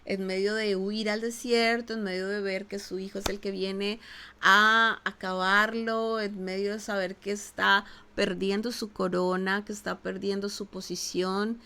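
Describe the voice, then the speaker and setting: Gravelly-voiced woman pastor preaching. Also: mid-range voice, little pitch movement, unhurried, sharp tone. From Colombia. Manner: preaching with emphatic repetition and direct address. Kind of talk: sermon.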